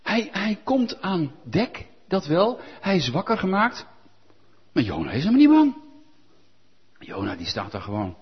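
A man preaching a sermon, animated and firing rhetorical questions at the congregation. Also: sits high, a little slow, long pauses, slightly rough, dull audio.

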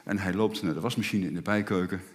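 A Dutch man preaching a sermon, telling a funny story with animated delivery. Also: low-pitched, quick pace. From Netherlands. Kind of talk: sermon with a told joke. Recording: long reverb in a church hall.

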